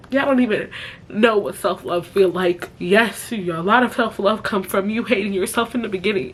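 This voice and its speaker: A young woman talks straight into a close camera, her voice thick and stuffy from crying. She keeps her voice low but stays blunt and profane as she vents. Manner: speaks softly while crying. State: tearful, stuffy nose. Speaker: influencer. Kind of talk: emotional confessional vlog.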